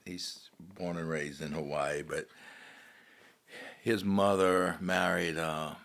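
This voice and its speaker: A male podcast host with a deep voice and a gravelly rasp. He talks in a loose, conversational way, retells stories, and invites his guest to explain. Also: fairly even intonation, takes it slowly, a bit bright. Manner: conversational, asks guest to elaborate. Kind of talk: casual interview chat.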